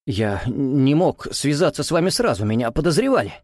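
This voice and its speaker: Guy doing a scared flustered man, babbling, higher and strained. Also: lively intonation, moderate pace, darkish tone, no echo, studio quality, close to an everyday voice. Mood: nervous. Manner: babbling, nervous. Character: flustered, frightened man caught lying.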